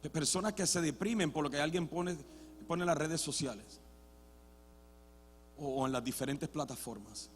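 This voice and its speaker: A man preaching a sermon as a pastor, switching between Spanish and English, restarting words often and swinging from quiet talk to loud shouting. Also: a little high, moderate pace, pauses often, big-room sound, a little hiss or hum. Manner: builds to loud shouted passages, then drops to quiet. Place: church sanctuary.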